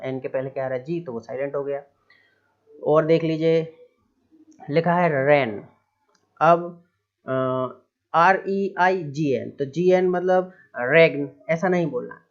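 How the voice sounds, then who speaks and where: A man's voice: mid-range voice, gravelly. A man teaching an English spelling lesson step by step, asking his own questions, answering them, and often checking in with "right?". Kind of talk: spoken grammar lesson. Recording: dull lo-fi sound.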